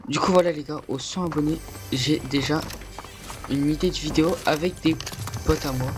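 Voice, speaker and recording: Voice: mid-range voice, normal speed, over music. Lisping young gamer with slushy s. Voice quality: lisp, slushy s sounds. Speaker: gaming video creator. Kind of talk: casual live gameplay commentary. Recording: noisy home gaming recording.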